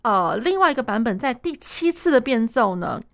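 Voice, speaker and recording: A woman piano teacher with a Taiwanese Mandarin accent, explaining a piece in a lively way, singing and scatting the notes and laughing often. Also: fairly high pitch, moderate pace. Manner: animated, sings and scats the notes.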